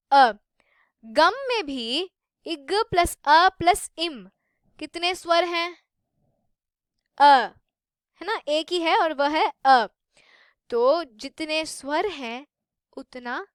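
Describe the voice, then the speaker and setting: A Sanskrit teacher, a woman with a high, slightly bright voice, gives an explanatory lesson, patiently repeating and rephrasing her points while mixing in English. The recording is studio quality with no echo.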